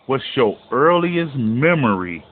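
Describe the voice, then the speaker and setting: A man's voice: medium pitch, big pitch swings, slow pace. A man hosting an interview, asking questions with playful, hyped-up reactions. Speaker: interview host. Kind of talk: casual interview chat. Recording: tinny phone line with faint noise.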